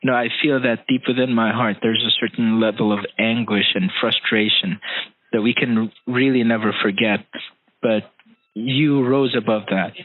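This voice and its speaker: A podcast host with a fairly low voice, even intonation and moderate pace conducts an interview conversation. He comes across as earnest and hesitant, leaning heavily on "you know" fillers. The call sounds tinny over a phone line, with no room sound.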